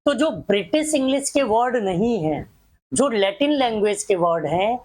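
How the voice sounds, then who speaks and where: A woman's voice: on the high side, lively intonation, moderate pace, darkish tone. A woman teaching a grammar class, drilling examples one by one and asking rhetorical questions that she answers herself.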